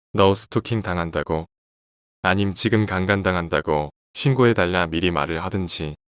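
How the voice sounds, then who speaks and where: A man voicing a calm, polite stranger who turns out to be a cold killer, in a horror story told in a quiet, composed way. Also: deep voice, clean tone, dry recording, studio quality, close to an everyday voice. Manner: quiet, composed, chillingly casual.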